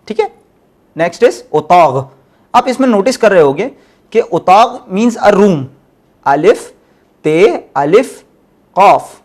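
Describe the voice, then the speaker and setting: A man teaching Persian in a recorded lecture, explaining step by step, switching into English and repeating his key points. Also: high voice. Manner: spells out letters one by one.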